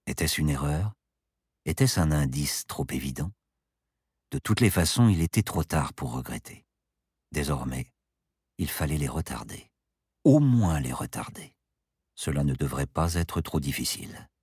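A man narrating an audiobook in an expressive, suspenseful way. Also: extremely low pitch, measured pace, long pauses, slightly rough, dry recording, studio quality.

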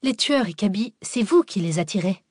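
A woman reading an audiobook, voicing a sharp-tongued, sarcastic young woman researcher. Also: medium pitch, animated, normal speed, dry recording, studio quality, natural voice. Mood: defiant. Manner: sarcastic, biting. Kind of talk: audiobook character voice.

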